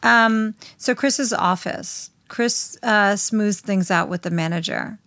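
A woman's voice: mid-range voice, takes it slowly, fairly bright tone, dry recording. A woman co-hosting a casual chat, recapping the plot with opinions of her own. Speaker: podcast co-host.

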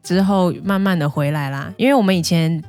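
A woman co-hosting a casual podcast chat, briskly steering the talk. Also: fairly low pitch, a little mellow, faint music behind. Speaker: podcast co-host.

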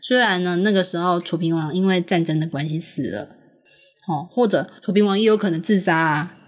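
A woman's voice: lowish voice, a little fast. A woman, patiently explaining a story to her young daughter, asking questions and laughing often. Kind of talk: casual storytelling chat with a child.

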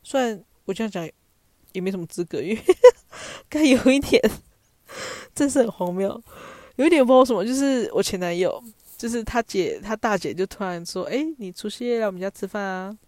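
A woman's voice: medium pitch, quick pace, darkish tone, no room sound, studio quality. A young woman with a Taiwanese Mandarin accent, telling stories in a chatty, self-mocking way as a podcast host. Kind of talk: casual storytelling monologue.

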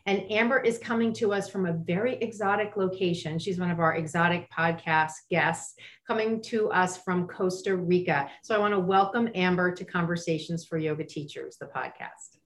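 A woman's voice: on the low side, moderate pace, few pauses. A woman hosting a podcast interview, talking in an enthusiastic, chatty way with fillers and restarts. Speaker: podcast host. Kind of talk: casual interview chat.

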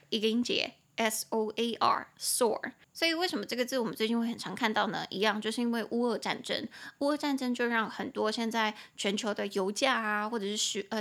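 A young woman hosting a chatty podcast English lesson, explaining words slowly and repeating them. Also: fairly high pitch, fairly bright tone. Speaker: podcast host, English teacher.

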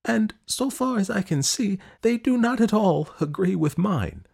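A man's voice: high-pitched, lively intonation, unhurried, gravelly, a little mellow, husky, voice pushed up, exaggerated voice. A man voicing a fussy, perplexed young prince who speaks in a raised, formal, pleading tone.

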